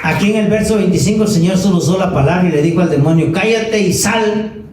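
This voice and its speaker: A male pastor preaching a sermon in a church, stretching key words slowly and asking the congregation rhetorical questions. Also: sits high, background noise. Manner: preaching with slow emphatic stresses and rhetorical questions. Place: church sanctuary. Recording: echoey room, mic at a distance, faint ambience.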